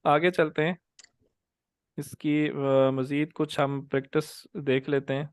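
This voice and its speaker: A man's voice: a little high, flat delivery, clean tone, dry recording. A young man teaching an online Quran tajweed class, patiently drilling letter sounds and calling on students by name over a video call. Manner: drawn-out demonstrated letter sounds.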